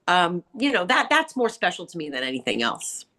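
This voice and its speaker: A middle-aged woman with a raspy, grating, nasal voice, talking bluntly and candidly as an interview guest, acting out what people said. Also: lowish voice, brisk. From New York area. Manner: blunt, animated storyteller who acts out quotes. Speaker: interview guest, salon owner and author.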